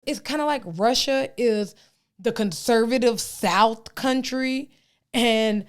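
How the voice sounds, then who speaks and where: A woman's voice: on the high side, slow pace, clean tone. A woman from the United States, hosting a podcast and talking through the news in a casual monologue, reading excerpts aloud with her own asides. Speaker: podcast host.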